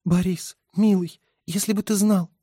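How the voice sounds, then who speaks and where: A man voicing a young female army medic who speaks softly, at times in a whisper, tender and anxious. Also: sits high, a little fast, no room sound, clean studio sound, pitched above the performer's own voice. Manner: soft, whispering.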